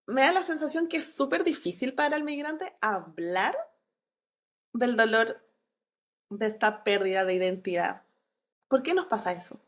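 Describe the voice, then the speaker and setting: A woman hosting a podcast, asking her guest questions in a relaxed, conversational way. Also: fairly high pitch. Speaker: podcast host.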